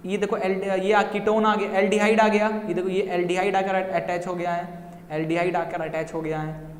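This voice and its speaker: Young male teacher, high voice, repetitive and coaxing, addresses students directly; echoey room with long reverb. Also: flat delivery, normal speed. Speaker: science teacher. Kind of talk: whiteboard chemistry lesson.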